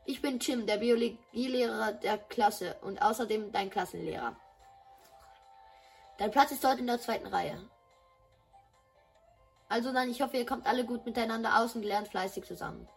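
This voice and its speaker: A woman's voice: on the high side, moderate pace, creaky, pauses often, slightly rough, soft background music. A woman voicing a friendly, encouraging male biology teacher in a game dub. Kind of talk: dubbing game dialogue.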